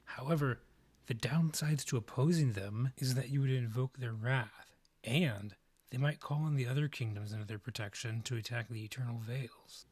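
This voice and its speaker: This scripted ASMR roleplay has a man portraying a proud, courtly vampire monarch in a husky, breathy, darkish medium-pitched voice, only lightly acted. He speaks formally with measured, theatrical phrasing, sounding measured and advisory.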